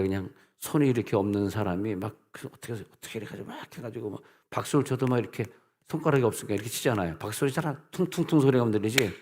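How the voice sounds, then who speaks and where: Man, middle-aged, pastor, sermon, fairly low voice, playful storytelling, sudden loud outbursts.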